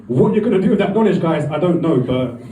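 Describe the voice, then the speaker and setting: A man's voice: a little high, expressive, fast, warm tone. A man, doing a rambling, self-deprecating stand-up set in a comedy club. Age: 40s. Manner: rambling, self-deprecating, acts out voices with swearing. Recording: echoey room, mic from far off.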